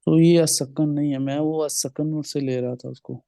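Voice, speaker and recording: A man who is a student in an online class, practicing conversation and halting with fillers. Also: on the high side, steady tone, creaky, mellow, dry recording. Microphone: video call.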